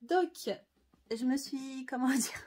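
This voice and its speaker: French lady chatting about her sewing at home, kinda high voice, lots of ums and restarts. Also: slow, a little mellow. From France. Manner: chatty, hesitant, many fillers. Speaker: sewing vlogger. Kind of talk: casual sewing chat to camera.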